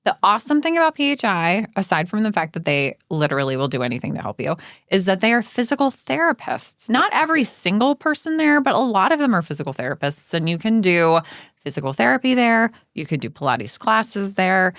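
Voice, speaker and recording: A woman's voice: mid-range voice, big pitch swings, brisk, a bit bright, no echo. A middle-aged woman from chats animatedly on her podcast, sometimes drifting into a cooing baby-talk tone. Her voice sits mid-range and is recorded close and dry, with no room sound. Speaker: podcast co-host. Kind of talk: casual chat. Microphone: studio microphone.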